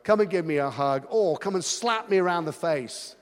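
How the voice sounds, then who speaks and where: A man's voice: sits high, expressive, normal speed. A man preaching a sermon as pastor, chatty and self-mocking, in a church hall. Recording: long hall reverb.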